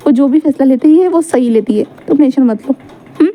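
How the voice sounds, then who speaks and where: A woman doing a calm, soothing father. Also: sits high, a little fast, highs cut off, lightly acted. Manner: reassuring. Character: calm middle-aged father, soothing husband.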